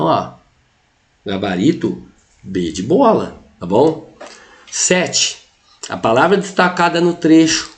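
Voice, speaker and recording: A middle-aged Brazilian man teaching a language lesson as he goes through exam questions. His pitch is average but swings widely. He explains step by step and keeps checking in with the listener. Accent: Brazilian Portuguese. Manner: explains step by step, constantly says "ó" and "tá?". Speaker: Portuguese teacher.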